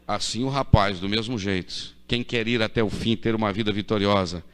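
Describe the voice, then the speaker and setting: A middle-aged man with a deep voice, preaching a sermon as pastor, moving from quiet storytelling to loud repeated proclamations. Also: fairly even intonation, a little fast, clear, resonant tone. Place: church. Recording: church hall reverb.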